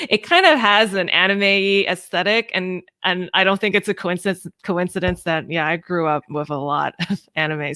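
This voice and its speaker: This US-born woman from Hong Kong, interviewed as a guest puppeteer and storyteller, speaks in a lowish, smooth voice with a fairly bright tone. She's casual, self-deprecating and hesitant, thinking aloud as she goes.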